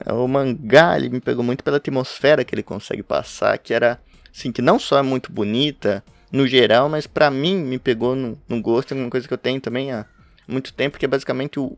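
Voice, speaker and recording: This manga podcast host talks to his home webcam in a brisk, mid-range voice with vocal fry and no echo. Casually discussing a favorite manga, he rambles, cuts himself off and laughs between thoughts.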